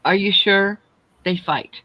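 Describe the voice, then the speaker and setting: A woman's voice: medium pitch, takes it slowly, no echo, lo-fi sound. A woman hosting a casual crochet livestream, chatting in a rambling way, speaking without her teeth in. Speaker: host of a crochet chat livestream.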